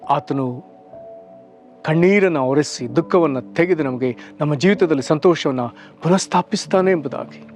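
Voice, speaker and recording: A man preaching a short devotional sermon, earnest, slowing and stretching phrases for emphasis. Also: fairly high pitch. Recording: soft music underneath.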